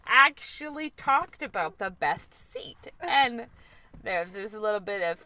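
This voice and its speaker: A woman co-hosting a podcast in casual chat, chatty and quick to jump in with laughs. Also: mid-range voice, lively intonation, pushed and bright, poor audio. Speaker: podcast co-host.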